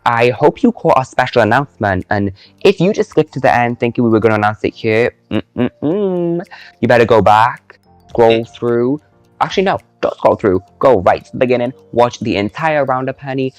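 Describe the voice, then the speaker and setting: Male host, playful recap banter, mid pitch, light music under. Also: brisk, no room sound. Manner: playful, campy, teasing. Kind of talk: casual recap chat.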